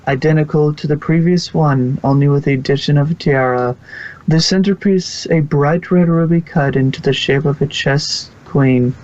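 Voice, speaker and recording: A man with a slightly high, somewhat mellow voice reads fan fiction aloud at a moderate pace, narrating a scripted story. He sometimes stumbles and goes back over words, and the recording is a little muffled.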